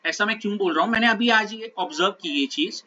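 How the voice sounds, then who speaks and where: A man's voice: high-pitched, fast, pushed and bright, dull audio. A male teacher giving a conversational classroom talk, often checking that his students are following. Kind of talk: classroom talk, lecture digression.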